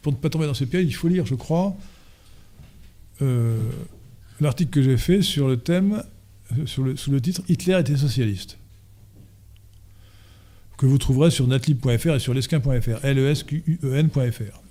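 A man's voice: mid-range voice, normal speed, pauses often, mellow. A man giving a conference lecture and answering audience questions, hesitant and full of fillers and restarts, then driving his points home emphatically.

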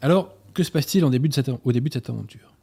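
A man hosting a talk, presenting novels and reading passages aloud in a measured, sometimes hesitant way. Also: medium pitch, creaky, dark tone, husky. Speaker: host presenting books. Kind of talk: book presentation and read-aloud.

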